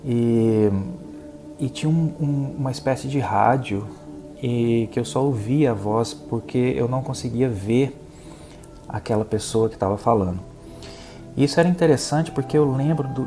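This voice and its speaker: A man from Brazil with a Brazilian Portuguese accent, giving a spiritist lecture and telling a personal story in an earnest, reflective way, halting with many fillers. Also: mid-range voice. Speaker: guest speaker at a spiritist center.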